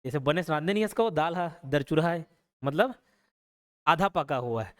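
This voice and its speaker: A man teaching an online exam-prep class, repeating words slowly and often checking in with "okay?". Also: on the high side, expressive. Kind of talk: explanatory lecture.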